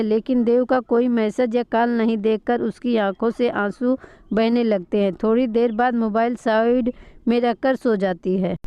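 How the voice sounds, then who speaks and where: A woman calmly narrating a scripted family drama story. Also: a little high, clear, resonant tone, no room sound. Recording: dull lo-fi recording.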